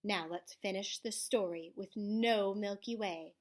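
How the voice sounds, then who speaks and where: Reading slightly slowly in a mid-range voice, a woman performs a children's storybook like a school librarian. She reads expressively, swelling theatrically and then dropping to a hush.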